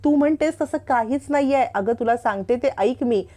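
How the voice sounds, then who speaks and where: A woman's voice: on the high side, moderate pace, warm tone, close to an everyday voice. A woman voicing an earnest young wife who pleads and explains to her angry sister. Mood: pleading.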